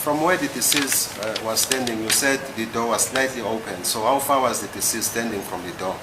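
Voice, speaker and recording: A man's voice: medium pitch, a little fast, echoey room. A man working as a lawyer, conducting a cross examination in court with formal, probing, step-by-step questions. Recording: clearly noisy courtroom recording.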